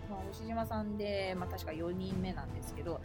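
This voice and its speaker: A woman's voice: medium pitch, quick pace, over music. A woman hosting a casual podcast chat who talks chattily, laughs often and runs the segments. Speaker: podcast host.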